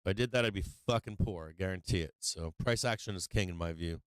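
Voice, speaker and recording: Blunt man with a smooth, lowish voice. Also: fast, no echo. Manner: blunt, profane. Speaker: host of a live stock trading show. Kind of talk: casual live trading commentary.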